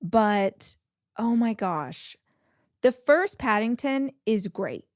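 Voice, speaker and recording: A woman's voice: fairly high pitch, expressive, slow, darkish tone, no echo, clean studio sound. A woman in her forties hosting her own podcast, talking in a chatty, enthusiastic, bubbly way to her listeners. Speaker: podcast host. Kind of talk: casual solo podcast talk.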